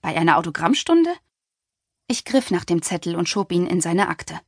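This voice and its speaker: A woman narrating a contemporary novel in the first person, with a wry, lively storytelling manner, recorded on a studio microphone. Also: on the low side, moderate pace, gravelly, slightly rough, dry recording. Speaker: audiobook narrator.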